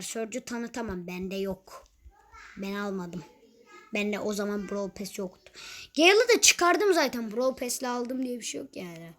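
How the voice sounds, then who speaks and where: Chatty young woman narrating her gameplay. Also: a little high. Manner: chatty, exasperated, teasing. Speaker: gaming youtuber. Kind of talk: casual gameplay commentary.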